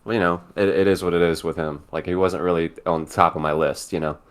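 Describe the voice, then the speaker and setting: An American man co-hosting a casual podcast, laid-back and halting, with many fillers. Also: sits low, fairly even intonation, clear, resonant tone. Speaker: podcast co-host. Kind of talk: casual chat.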